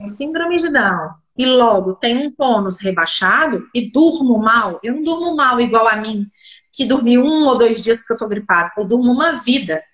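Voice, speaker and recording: Lively intonation and a fairly high, somewhat bright voice mark this speech therapist, who sounds congested from a cold and speaks at normal speed. She explains in an interview, posing and answering her own rhetorical questions; the audio is dull with an echoey room sound.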